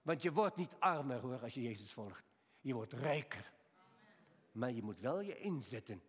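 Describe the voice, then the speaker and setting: A man in his seventies preaching a sermon, telling personal stories and moving between quiet, slow passages and raised, emphatic appeals. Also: medium pitch, big pitch swings, breathy edge. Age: 70s. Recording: long hall reverb.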